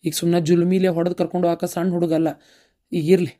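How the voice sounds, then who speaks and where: Woman doing a reassuring cartoon villager, North Karnataka Kannada accent, quick, lowish, matter-of-fact. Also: flat delivery, dark tone, natural voice. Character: calm family member reassuring the elders. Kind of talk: cartoon dubbing.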